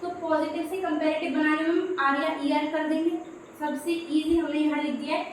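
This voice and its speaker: Female grammar teacher, high voice, strong room echo, faint hiss behind. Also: steady tone, normal speed. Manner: explains step by step, repeating "dekhiye". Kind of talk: Hindi classroom-style grammar lesson. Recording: very echoey room, faint background noise.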